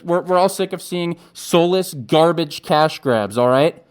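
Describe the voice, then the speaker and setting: A man's voice: on the high side, a little mellow. A man giving opinionated YouTube commentary in a muffled voice, as if through a mask, emphatic and exasperated with casual asides. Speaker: YouTube video essayist. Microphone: webcam setup. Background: music.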